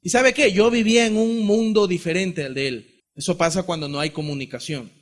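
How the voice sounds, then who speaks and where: A preacher from Ecuador delivers a heartfelt testimony sermon. His voice sits high for a man, and he talks with impassioned energy. He acts out conversations with God and his brother. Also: brisk.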